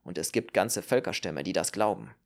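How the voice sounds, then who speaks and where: A man's voice: deep voice, lively intonation, normal speed, voice pushed down. A man voicing a world-weary, cynical male politician with dry, sardonic remarks in an audiobook. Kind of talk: audiobook character reading.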